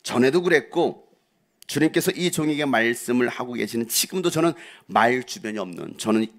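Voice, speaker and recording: A man's voice: medium pitch, expressive, normal speed, pitched below the performer's own voice, lightly acted. A male pastor voicing a timid, apologetic old man who pleads that he cannot speak well. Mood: pleading. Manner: hesitant, pleading, soft-spoken.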